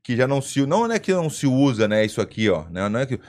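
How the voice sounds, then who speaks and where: A man hosting a podcast in casual chat, joking and laughing often with quick asides. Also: medium pitch, sing-song, darkish tone. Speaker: podcast host.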